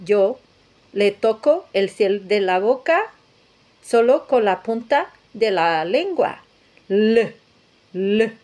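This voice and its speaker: A woman from Portugal speaks in the unhurried, measured way of a language teacher. Her voice sits at an ordinary middle pitch. She repeats each sound several times so learners can copy it, with the odd light laugh. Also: big pitch swings, a little mellow. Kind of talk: pronunciation lesson.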